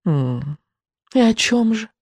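Hissing, gloating evil witch, slow and venomous, low dusky tone, a woman reading it, dry close recording. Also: animated, slightly rough, no room sound, full character voice. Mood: sneering. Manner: slow, drawn-out, venomous hiss.

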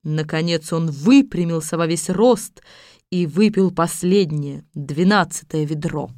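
A woman narrating a fairy tale in a calm, even storytelling manner. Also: deep voice, measured pace, dry recording, clean studio sound.

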